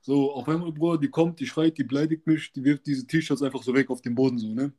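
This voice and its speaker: A man's voice: mid-range voice, quick pace. Young man telling a work story in slang. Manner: street slang, animated retelling with acted quotes. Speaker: storyteller recounting a work incident. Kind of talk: casual call chat.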